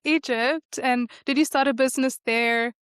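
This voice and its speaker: A woman's voice: high-pitched, steady tone, normal speed, fairly bright tone, smooth, no echo, studio quality. A woman hosting a podcast interview, asking questions in an enthusiastic, encouraging way. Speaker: podcast host. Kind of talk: conversational interview.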